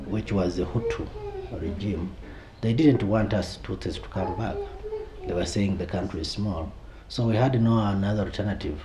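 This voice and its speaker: Deep-voiced man giving halting testimony. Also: background noise. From Rwanda. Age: 40s. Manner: hesitant, with many fillers and restarts. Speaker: interviewee. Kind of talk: documentary interview testimony.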